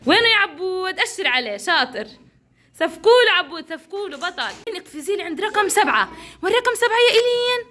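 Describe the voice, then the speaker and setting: Bright high-pitched preschool teacher. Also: female voice, sing-song, fast. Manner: encouraging, coaxing, praising children. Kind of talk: classroom counting game.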